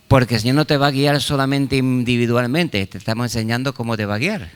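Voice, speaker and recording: Older Spanish pastor preaching in a reverberant hall. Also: male voice, medium pitch, fast talker, clear, resonant tone. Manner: fervent preaching with call-and-response questions and frequent interjections. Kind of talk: sermon.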